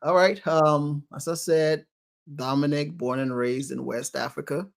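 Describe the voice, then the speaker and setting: A man in his thirties from Cameroon, a guest in a casual interview chat, upbeat and quick to laugh. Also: on the high side, steady tone, vocal fry. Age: 30s.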